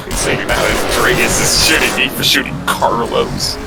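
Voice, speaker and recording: Very deep, gravelly-voiced gamer. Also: male voice, completely flat delivery, normal speed, recorded from a distance, loud music behind the voice. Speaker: player on voice chat. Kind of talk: casual game chat.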